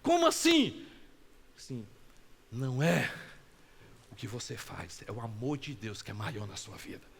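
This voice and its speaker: A man with a Brazilian Portuguese accent preaching a sermon as pastor, swinging between soft asides and loud, animated exclamations and acting out short dialogues. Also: medium pitch, a little slow, creaky, long pauses, in a large hall, slight background noise. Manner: acts out short quoted dialogues in his own voice.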